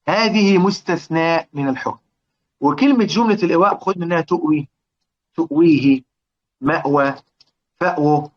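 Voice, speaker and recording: A man with an Egyptian accent teaching Quran recitation rules. He asks his listeners questions, answers them himself, and draws out example words slowly. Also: fairly high pitch, highs cut off. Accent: Egyptian Arabic. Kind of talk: explanatory lesson.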